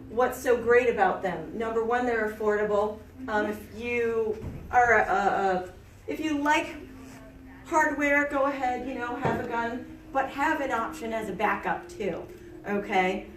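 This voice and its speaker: A woman giving a chirpy, animated trade show product pitch, instructing listeners and often checking in with them. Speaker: self-defense product demonstrator. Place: indoor expo event. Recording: echoey room, distant mic.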